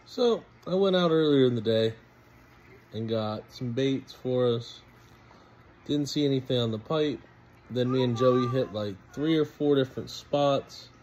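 A relaxed man in his thirties talks through his fishing day in a loose, rambling vlog style, full of fillers. His voice sits at an ordinary middle pitch. A faint hiss hums under the phone recording. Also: a little slow, lo-fi sound. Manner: laid-back, rambling recap with fillers. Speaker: fishing vlogger. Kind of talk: casual vlog narration. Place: indoors in a small storage room.

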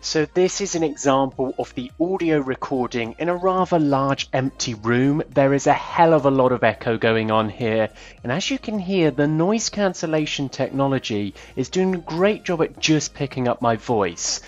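A man's voice: mid-range voice, lively intonation, normal speed, soft background music. Man on a dull headset mic. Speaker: tech reviewer. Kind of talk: product test demonstration. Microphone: Bluetooth headset.

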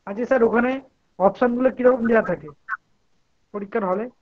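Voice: mid-range voice, fairly quick, dry recording. Student answering over a muffled call. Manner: replies briefly, asks about exam options. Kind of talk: answering in class. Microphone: video call.

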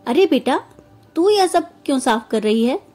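A woman voicing an older, sharp-tongued mother-in-law who scolds and complains in a storybook. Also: high-pitched, lively intonation, moderate pace, soft background music. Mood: complaining.

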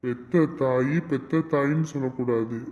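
A man acting a calm, measured middle-aged father in a family drama. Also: medium pitch, muffled recording, close to an everyday voice.

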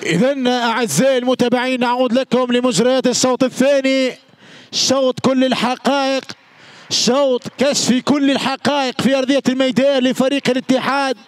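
A man giving excited live football commentary, shouting goal calls and praising players with poetic nicknames. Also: extremely high pitch, a little fast. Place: amateur football stadium.

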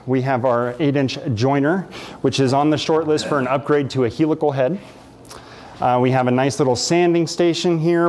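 Touring a big workshop, a makerspace director in his thirties talks with enthusiasm, gesturing and filling gaps with fillers. His mid-range voice has a darkish tone, captured by a camera mic at medium distance.

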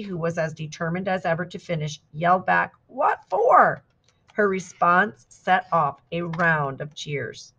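A woman reading a children's picture book aloud as scripted narration, steady and clear, lifting her voice for shouted quotes. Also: lowish voice, highs cut off. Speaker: storybook reader.

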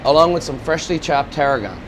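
A fairly high-pitched man's voice moves at a quick pace, with slight background noise. He's an executive chef demonstrating a dish at a gas range in a restaurant kitchen, speaking into a lapel mic and instructing steadily, step by step.

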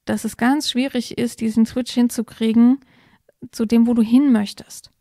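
A woman co-hosting a podcast, calmly explaining step-by-step advice in a casual conversation. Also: a little high, moderate pace, no room sound, clean studio sound. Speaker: podcast co-host explaining parenting topics.

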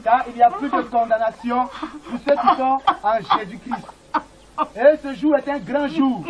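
An earnest, consoling village preacher in a film drama. His voice sits very high for a male. He speaks with reassurance over a clearly noisy old soundtrack. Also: unhurried. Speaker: actor.

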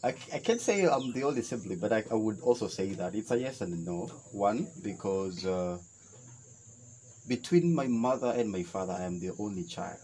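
A man's voice: on the low side, lively intonation, moderate pace, warm tone, slight background noise, poor audio. A young man with a Kenyan accent, answering interview questions in a reflective, hesitant way, often restarting his sentences. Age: young adult. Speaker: interview guest. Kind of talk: relaxed outdoor conversation. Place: shaded veranda by a wetland, outdoors.

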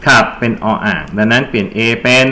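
A man's voice: on the low side, fast, sharp tone. A man teaching an English grammar lesson for exam preparation, explaining step by step and quizzing his students with prompts. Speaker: English tutor.

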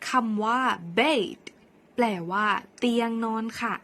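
A woman teacher from Thailand leading a phonics lesson for young children, sounding out each letter slowly and clearly and cheering them on. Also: fairly high pitch, fairly bright tone. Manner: slow, clearly sounded-out model pronunciations; encouraging teacher talk to young pupils. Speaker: English teacher.

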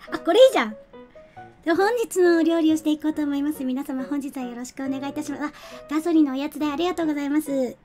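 High-voiced chatty woman streamer. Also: very fast, hardly any pauses, warm tone, soft background music. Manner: chatty, giggly, reads out and thanks viewers. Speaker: game streamer. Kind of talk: casual live-stream chat.

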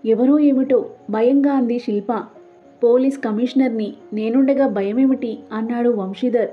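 A woman narrating an audiobook story as the storyteller, reading every character's lines herself in a soft voice. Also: on the high side, fairly even intonation, normal speed. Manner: reads all parts herself with soft dialogue. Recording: dull lo-fi with soft background music.

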